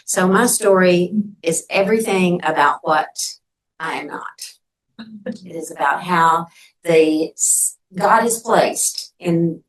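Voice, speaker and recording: An older woman telling a personal story to a gathering in a candid, conversational way, pausing for effect. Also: on the low side, low-quality recording.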